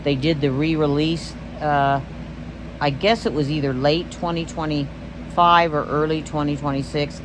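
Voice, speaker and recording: Low-pitched and chatty, this Texan stitching vlogger wanders off topic as she shows off her work, often forgetting her point. The background is noisy.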